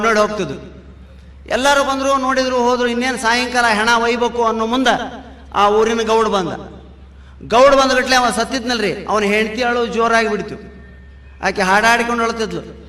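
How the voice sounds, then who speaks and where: A man with a North Karnataka Kannada accent spins folksy comic anecdotes in a high, bright voice. The sound is roomy, ringing with a long hall reverb as he builds each punchline. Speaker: stand-up comedian. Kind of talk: humorous storytelling to a live audience.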